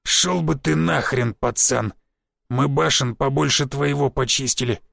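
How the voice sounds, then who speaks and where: A man voicing a gruff, grey-haired older mercenary with a hoarse, hissing delivery. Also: medium pitch, unhurried, fairly bright tone, no room sound, clean studio sound, full character voice. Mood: hostile.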